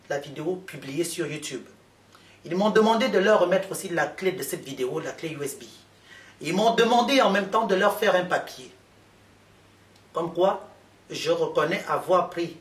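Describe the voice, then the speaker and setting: A man's voice: on the high side, a bit bright, recorded from a distance. Emphatic man telling his story, echoey room. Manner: emphatic, repetitive storytelling with many fillers. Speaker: speaker addressing journalists. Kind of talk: impassioned spoken testimony.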